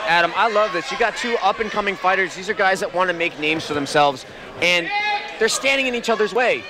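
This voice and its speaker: A man's voice: sits high, expressive, fairly quick, very noisy. A man giving informal, emphatic live color commentary at a cage fight, often repeating himself for stress. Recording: loud crowd and music behind. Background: loud crowd and music.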